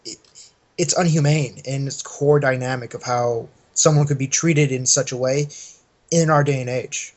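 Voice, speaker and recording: A man's voice: medium pitch, steady tone, moderate pace. A man speaking as a panelist in a casual, unscripted discussion.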